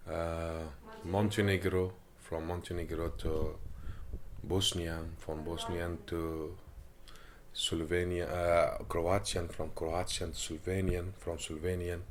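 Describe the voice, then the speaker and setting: A man from Afghanistan, speaking halting with many hesitations as he gives personal testimony in an interview, recorded in an apartment. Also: sits low, vocal fry, slight background noise. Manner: halting non-native English with frequent hesitations.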